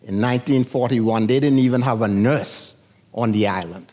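An older man from the Bahamas, a pastor preaching a sermon and telling a personal story in a deliberate, storytelling way, acting out the voices he heard. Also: medium pitch, dark tone.

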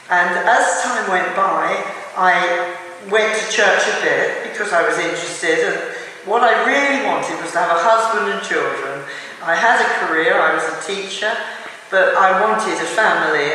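Older English woman, bright and echoey. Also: on the low side, a little hiss or hum. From England. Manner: earnest, measured storytelling with small restarts. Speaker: church member giving testimony. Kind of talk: personal testimony. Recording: echoey room from far off.

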